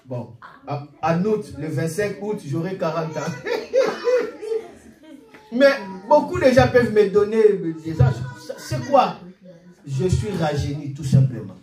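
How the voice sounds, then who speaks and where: A man around forty preaches with a high, ringing voice, calling out alleluia and amen between points. He sounds set back from the mic, and the church room echoes around him. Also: slow, long pauses, recorded from a distance, soft background music. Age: 40s. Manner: animated preaching with frequent alleluias and amens. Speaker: pastor. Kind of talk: sermon. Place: church hall.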